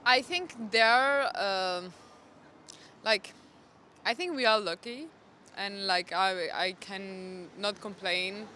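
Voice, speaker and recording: Bright-voiced young woman, hesitant. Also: mid-range voice, takes it slowly, slight background noise. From Belgium. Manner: hesitant, many fillers. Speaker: interviewee. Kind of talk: street interview. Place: outdoors on a city street.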